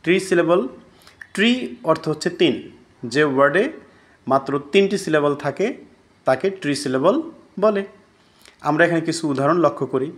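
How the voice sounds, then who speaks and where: A man's voice: a little high, moderate pace, long pauses. A man teaching a recorded grammar lesson, who keeps asking his students questions and then answers them himself.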